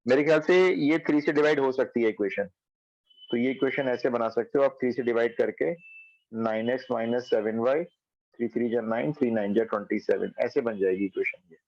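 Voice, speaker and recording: A man teaching a math class online from home, working through each step aloud and stopping to check that his students follow. His voice sits at a middling pitch. The sound is dry and dull, like a lo-fi recording. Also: brisk, a little mellow, dry recording. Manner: explains step by step, checks understanding.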